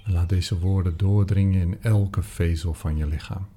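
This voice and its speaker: A man guiding a meditation, speaking softly and soothingly, sometimes dropping into a whisper. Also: low voice, fairly even intonation, husky. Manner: slow, soft-spoken, soothing, with whispered phrases. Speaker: meditation guide. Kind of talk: guided meditation. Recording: soft music behind.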